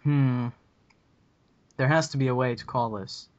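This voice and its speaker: A man's voice: mid-range voice, unhurried, a little mellow, muffled recording. A young man hosting a casual podcast, rambling with many ums and restarts over a voice call. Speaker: podcast host.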